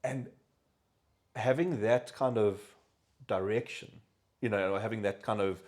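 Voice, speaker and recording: Animated South African man hosting a podcast. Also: fairly low pitch, measured pace. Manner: animated storyteller, acts out quoted voices. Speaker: podcast host. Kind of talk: casual chat.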